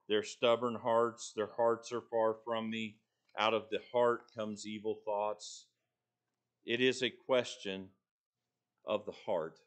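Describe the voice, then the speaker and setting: A middle-aged man preaching a sermon from a church pulpit, earnest and deliberate, pausing between phrases. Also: fairly low pitch. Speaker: pastor.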